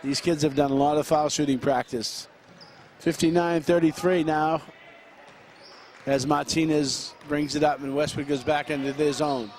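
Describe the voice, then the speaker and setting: Guy doing local high school hoops play by play, kinda high voice, lots of uhs, bit of background noise. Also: level tone, darkish tone. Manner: quick play-by-play with frequent fillers. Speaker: play-by-play announcer. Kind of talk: high school basketball commentary.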